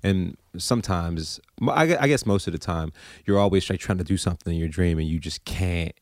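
A low-voiced man with a creaky, gravelly edge chats casually. He muses in a laid-back, halting manner, recorded close and dry. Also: no room sound. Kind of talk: casual chat.

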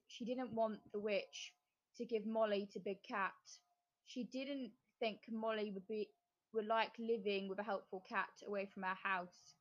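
A woman reading a children's story aloud in a gentle, unhurried way. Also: medium pitch, highs cut off.

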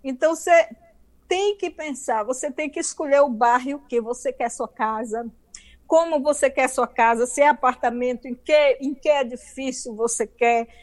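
A woman's voice: high voice, moderate pace. A middle-aged Brazilian woman with a Brazilian Portuguese accent, telling her story emphatically as an interview guest.

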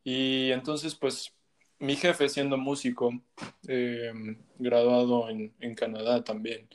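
A young Mexican man with a Mexican Spanish accent, a guest musician, tells his story in a casual, slangy chat full of fillers. His medium-pitched voice moves little and comes out slowly, and his manner rambles.

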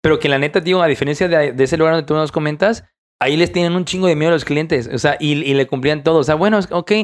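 A young man with a Mexican accent co-hosts a relaxed chat show. His voice is a little higher than average, and he talks in easy slang, reacting quickly and reading facts aloud. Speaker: podcast co-host. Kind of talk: casual chat.

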